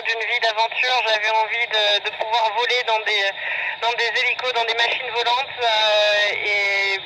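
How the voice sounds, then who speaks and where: A woman from France, an astronaut answering questions in a halting, conversational way over a radio headset link. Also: fairly high pitch. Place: aboard a space station. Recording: very noisy amateur radio transmission. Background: loud radio static.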